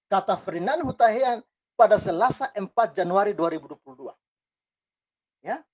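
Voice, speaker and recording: Woman, slightly high voice, casual commentator: reads comments, then adds teasing, sermon-tinged remarks. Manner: reads text aloud then adds wry remarks, often asks "ya kan?". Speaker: commentator reading news and comments. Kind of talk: casual spoken commentary on a news item.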